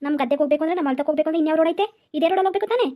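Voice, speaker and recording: A woman's voice: high voice, racing, warm tone, lightly acted. A woman voicing an indignant village woman in a cartoon, arguing and name-calling. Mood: complaining. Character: scolding village woman defending her road use. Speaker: cartoon character. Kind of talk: cartoon voice acting.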